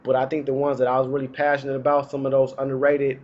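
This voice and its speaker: A man in his thirties, getting over a cold, records a laid-back fragrance review vlog in a small indoor room, chatty and full of slang. His medium-pitched voice is monotone, a little mellow, and fast. The recording is muffled.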